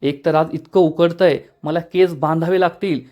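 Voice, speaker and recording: A man voicing an irritated young wife in a spoken serial recap, in his own high voice with a scolding delivery. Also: fairly even intonation, normal speed, darkish tone, lo-fi sound, lightly acted. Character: angry young wife, annoyed and stubborn.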